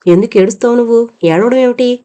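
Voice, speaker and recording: A woman's voice: on the high side, fast, warm tone, natural voice. Woman reading as an insistent, demanding man. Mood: agitated. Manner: demanding, interrogating. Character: insistent adult man pressing for answers.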